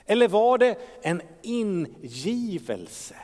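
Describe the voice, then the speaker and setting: A man's voice: sits high, sing-song, a little mellow. A man preaching a sermon as pastor, asking rhetorical questions and sometimes dropping into a whisper. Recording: long reverb of a large hall.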